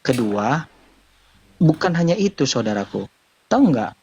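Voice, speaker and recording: A man's voice: medium pitch, very animated, measured pace, a little mellow, husky, lo-fi sound. A man speaking earnestly in a casual live-stream discussion, explaining his views at length and often addressing listeners as brothers. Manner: earnest, explanatory, repeats "saudaraku". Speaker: convert sharing views.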